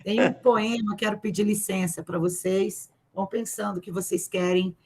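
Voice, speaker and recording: A woman coordinating an academic session, praising the guest and reading a poem aloud slowly and deliberately over a video call. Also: medium pitch, steady tone, husky.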